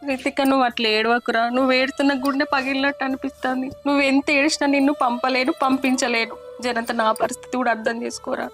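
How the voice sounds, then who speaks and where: A stubborn village mother, played by a woman, insists in quick, high-pitched bursts with a Telangana Telugu accent. Her tone stays firm and unyielding, with faint music in the background. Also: flat delivery, fairly bright tone. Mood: sorrowful. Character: stubborn loving village mother refusing to send daughter.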